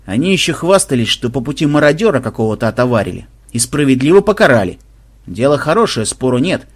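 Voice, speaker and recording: Burly, blustering tavern keeper, played by a man; loud, husky, talkative. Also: mid-range voice, sing-song, fast talker.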